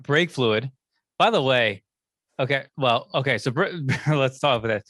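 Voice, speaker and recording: A man's voice: mid-range voice, lively intonation, moderate pace, fairly bright tone, dry recording. A middle-aged man chats casually on a podcast, his voice recorded close and dry with no room around it. He rambles loosely, circling back and restarting his sentences as he goes. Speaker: podcast co-host.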